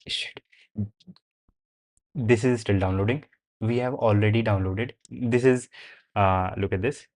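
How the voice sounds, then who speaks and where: On a live stream, a young man whose native language is Hindi speaks in a slightly low voice. He thinks aloud and fields viewer questions loosely and casually, with the odd swear word.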